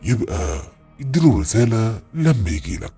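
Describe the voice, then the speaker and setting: A man's voice: on the low side, very animated, faint music behind, voice pushed down, heavily acted. A man voicing a sinister disembodied male spirit that whispers cruel commands into the listener's ear. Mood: cruel, taunting. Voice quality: dark, husky, whispered into the ear. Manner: slow, menacing, commanding.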